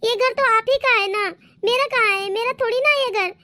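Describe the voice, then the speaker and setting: Woman voicing a sly wheedling sister-in-law, very high. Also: moderate pace, pushed and bright, no room sound. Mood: self-pitying. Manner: wheedling, plays the victim.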